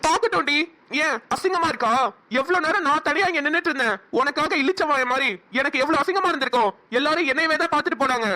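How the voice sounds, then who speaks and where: A woman voicing a hot-tempered, scolding young man in a cartoon, angry and rapid. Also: high voice, pushed and bright. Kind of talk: cartoon voice acting.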